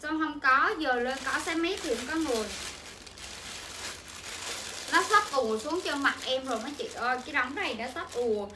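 Young woman hawking clothes on a livestream, high bright voice, echoey room. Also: expressive, moderate pace, long pauses. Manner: chatty, repetitive sales patter to viewers. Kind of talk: livestream selling chat. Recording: echoey room with faint ambient noise.

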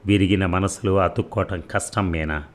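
A guarded, stubborn young man answers coolly in a novel's audiobook, as a man reads his lines. The voice is very deep, measured and wry, never raised. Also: steady tone, close to an everyday voice. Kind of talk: audiobook dialogue reading.

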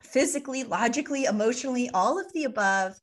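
A woman with a rather high voice talks fast and animatedly as a podcast co-host. In casual explanatory chat, she explains ideas playfully using vivid analogies.

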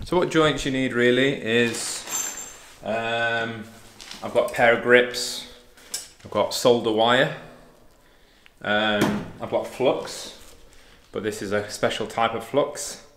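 An English-accented man in his thirties, a DIY renovator and plumber, gives a laid-back, hands-on tutorial demonstrating pipework. His medium-pitched voice is slow, steady, and a bit bright. Filmed at close range on a handheld or propped camera in an empty room under renovation, the audio is echoey with some noise.

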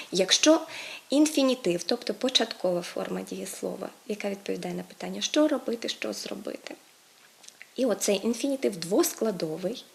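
A woman's voice: medium pitch, creaky. A woman presenting an educational segment on word stress, explaining patiently with hesitation fillers and stressing each example word. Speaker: language presenter.

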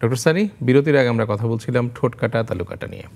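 Man, tv host, gravelly voice, formal intros, short questions. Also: mid-range voice, animated, quick pace, a little mellow. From Bangladesh. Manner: formal introduction, brief acknowledgements. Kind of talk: studio health interview. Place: TV studio.

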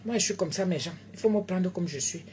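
A tired woman chatting live to her followers, animated, jumping between loud exclamations and low murmurs and joking in broken English. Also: fast talker, slight background noise. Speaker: food seller live-streaming on social media. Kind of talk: casual live chat to followers.

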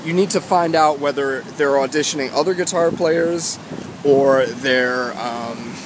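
With a medium-pitched voice, a guitar vlogger in his 20s gives casual, emphatic, halting advice while walking along a city street outdoors. His phone is held at arm's length, wired earbuds in, and its mic catches loud wind, traffic and urban ambience.

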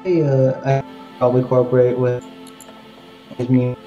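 A man chatting casually with a fellow gamer over voice chat, halting and trailing off, his mic crackling and cutting out. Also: medium pitch, flat delivery, warm tone, highs cut off, faint music behind. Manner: halting, trailing off mid-sentence. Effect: crackly mic that keeps cutting out. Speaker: online multiplayer gamer.

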